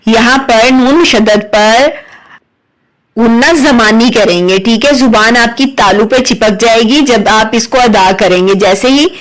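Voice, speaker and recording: In a low-quality recording, a woman with an Urdu accent gives a slow, syllable-by-syllable Quran recitation lesson. Her fairly high voice is unhurried as she spells out letters and vowel marks, then blends them into words.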